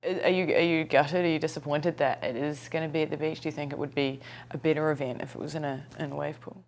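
A woman with a very low voice firing off quick, chatty interview questions at a rapid pace. She sounds casual and direct as she probes her guest. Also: steady tone, darkish tone, a little hiss or hum. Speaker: podcast interviewer.

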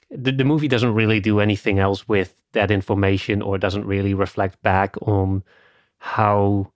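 A film podcast co-host with a fairly low-pitched voice talks things over casually and conversationally, leaning heavily on "you know" and "like." There's no room sound in the recording.

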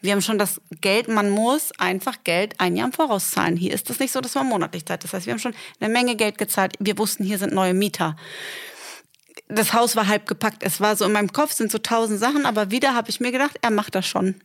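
A woman's voice: mid-range voice, fairly quick, gravelly. A woman in her thirties, co-hosting a podcast in casual chat, who teases her partner and retells events with quoted dialogue. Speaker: podcast co-host.

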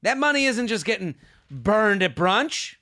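A man's voice: sits high, sing-song, a little slow, sharp tone. A man hosting a comedy podcast with an exuberant, repetitive, self-hyping manner, talking casually to his listeners. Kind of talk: high-energy podcast intro, casual plug to listeners.

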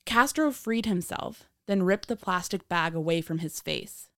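A woman hosting a podcast, reading scripted true crime narration in a measured, dramatic storytelling manner. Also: fairly low pitch, animated, no room sound, clean studio sound. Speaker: podcast host.

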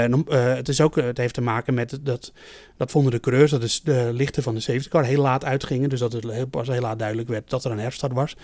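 A man's voice: mid-range voice, darkish tone, dry recording. A man co-hosting a motorsport chat show, explaining at length with many fillers and restarts. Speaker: podcast co-host. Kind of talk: casual analytical chat.

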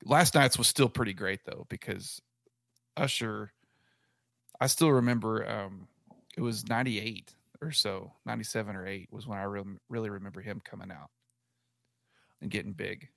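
A man's voice: on the low side, moderate pace, gravelly, long pauses, a bit bright, dry recording, studio quality. A man of forty co-hosting a sports podcast, chatting casually and reacting live while he watches a game. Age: 40s. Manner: rambling, self-correcting, watching and reacting live. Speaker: podcast co-host.

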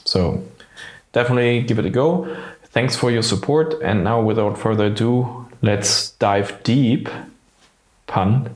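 A man co-hosting a podcast in a chatty, relaxed way, speaking English as a second language, recorded in an echoey studio that is still under construction. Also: mid-range voice, a little slow. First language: not English. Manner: relaxed, chatty, loose phrasing with self-corrections. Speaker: podcast co-host. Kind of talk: casual podcast intro. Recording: echoey, roomy studio sound.

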